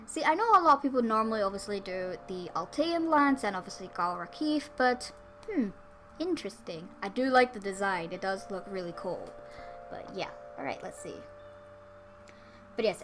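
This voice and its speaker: A woman with a fairly high, slightly bright voice reads a visual novel aloud as a let's play host. Between the passages she reads, she drops in casual, informal asides.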